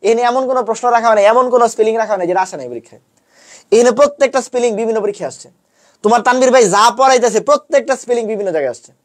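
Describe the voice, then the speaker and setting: Fast-talking man teaching online. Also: very high voice. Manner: chanting mnemonics; colloquial teasing. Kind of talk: online lesson.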